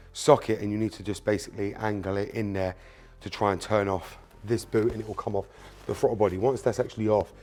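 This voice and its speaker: A car mechanic channel host whose first language is Spanish speaks in a fairly low, darkish voice. He talks viewers through a hands-on repair in a casual way, calling them "you guys" as he works and frequently saying "um" and "obviously."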